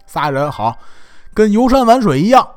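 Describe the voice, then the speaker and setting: A man's voice: high-pitched, moderate pace. A male storyteller retelling a historical tale in a chatty comic manner, often checking with the listener. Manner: animated, chatty, asks the listener along.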